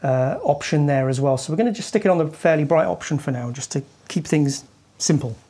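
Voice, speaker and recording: A man's voice: fairly high pitch, lively intonation, a little fast, warm tone, slightly rough. A man co-hosting, explaining guitar gear in a loose, casual way with lots of fillers and restarts. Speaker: co-host demonstrating guitar gear. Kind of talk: casual chat with a gear demo. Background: faint guitar playing.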